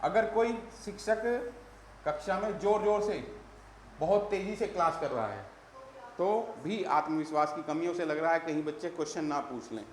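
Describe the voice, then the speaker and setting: A man's voice: fairly high pitch, moderate pace, reverberant, a little hiss or hum. A male teacher giving an exam-prep lecture, calling his students "beta" and repeating the key terms.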